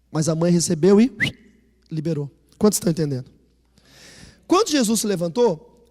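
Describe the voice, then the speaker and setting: A male pastor with a Brazilian Portuguese accent preaching a sermon, telling personal stories and acting out the dialogue. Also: high voice. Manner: animated storytelling, acting out dialogue. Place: church. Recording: reverberant church hall.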